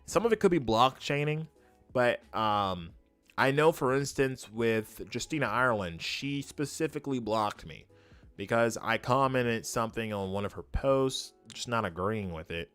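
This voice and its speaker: Animated, emphatic man livestreaming opinions. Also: medium pitch, moderate pace, smooth, faint music behind. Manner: emphatic, repeats phrases. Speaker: YouTube host and streamer. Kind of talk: casual opinionated livestream commentary.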